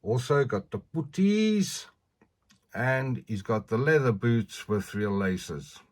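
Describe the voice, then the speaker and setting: A man's voice: mid-range voice, animated, slow. An older man with missing teeth and slightly slurred consonants, giving a casual, chatty, rambling show-and-tell as a collector. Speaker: figure collector presenting a review.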